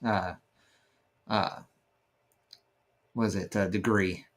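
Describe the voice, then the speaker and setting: Low-voiced man, rambling casual chat. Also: fairly even intonation, slow. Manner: rambling, many fillers, searching for words. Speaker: podcast co-host.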